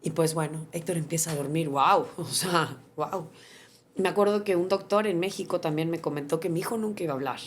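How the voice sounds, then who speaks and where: A woman's voice: deep voice, fairly quick, a little hiss or hum. A woman, a mother telling her own story in an interview. She speaks earnestly and with animation. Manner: earnest, animated, often acts out what others said. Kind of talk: candid personal storytelling.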